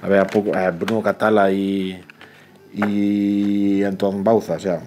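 A man, excitedly unboxing a board game in casual talk, often pleading to himself and chattering to viewers. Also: fairly low pitch, a little slow, a little hiss or hum. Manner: excitable, pleading and self-talking. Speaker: board game channel host. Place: indoors at a table, off camera.

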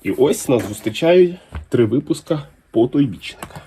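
A man's voice: medium pitch, slight background noise. A man talking casually and enthusiastically as he unboxes comics for his channel. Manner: enthusiastic, unhurried, lively intonation.

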